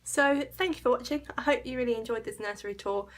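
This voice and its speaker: A young British woman gives a casual, self-deprecating home tour while chatting informally to camera in an unpolished way. Her voice sits on the high side and moves at a quick pace.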